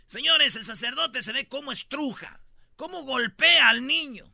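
Rowdy high-voiced comedic radio host. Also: male voice, measured pace, creaky, sharp tone, no room sound, clean studio sound. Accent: Mexican Spanish. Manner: rowdy, joking, acts out voices. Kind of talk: comedic radio show banter.

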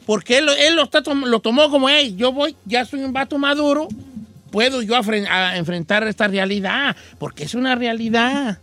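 A man playing an old Mexican grandpa radio host, reedy and high, gossipy, scolding, bright and sharp. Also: normal speed, full character voice. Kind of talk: comic radio call-in show.

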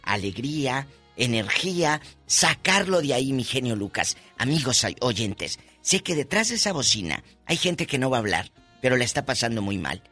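A man hosting a radio talk show, his pitch swinging widely as he gives emphatic advice. His voice is bright and a little husky, with soft music underneath. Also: moderate pace. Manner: animated, preachy advice to listeners. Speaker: radio co-host.

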